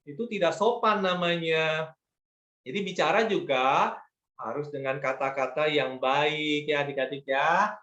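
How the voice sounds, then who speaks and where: A man's voice: fairly high pitch, sharp tone, echoey room, dull audio. A man teaching an online Sunday school lesson to children, patient and coaxing, often asking them to agree.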